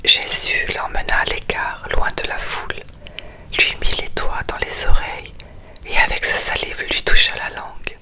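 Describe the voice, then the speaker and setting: A reader softly whispering a scripture reading in a breathy, unvoiced ASMR style, quiet as for night-time. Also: normal speed. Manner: hushed, quiet bedtime whisper.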